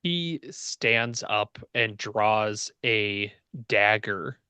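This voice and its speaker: A man's voice: on the low side, expressive, very slow, sharp tone, clear, resonant tone, no echo. A man narrating a tabletop fantasy game as game master, describing the scene in short phrases.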